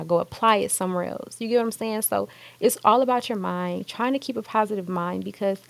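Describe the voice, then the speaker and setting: Young adult woman, mid-pitched, conversational and earnest podcast host, dry studio-close sound. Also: gravelly, no echo. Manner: earnest, conversational, acts out quoted thoughts. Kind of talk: motivational podcast monologue.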